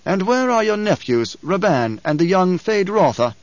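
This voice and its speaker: A man's voice: very animated, moderate pace, no echo, lo-fi sound. A man playing a cold, mocking emperor. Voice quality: baritone, exquisitely controlled, dismissive. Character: cold imperious male emperor, mocking and controlled.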